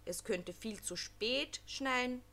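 A woman's voice: on the high side, slow, sharp tone. A woman voicing a hesitant, fussy old Snow King with a long beard in a children's storybook reading. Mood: fretful.

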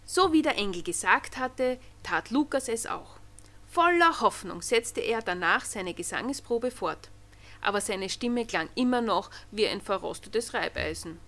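A woman reading a Christmas storybook aloud in an expressive storytelling manner. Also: medium pitch, measured pace, faint music behind. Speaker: narrator.

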